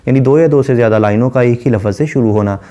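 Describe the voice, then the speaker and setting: Male lecturer, mellow warm tone, measured explanatory delivery. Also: medium pitch, lo-fi sound. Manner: reads verse lines slowly, then explains in measured prose. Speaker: literature lecturer.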